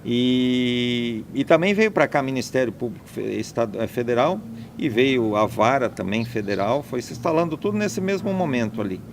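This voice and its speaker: Speaking at a normal speed with hardly any pauses, a man in a medium-pitched, animated voice is interviewed as a landowner. He makes his case emphatically, listing and repeating his points in a conversational exchange. Background noise is audible.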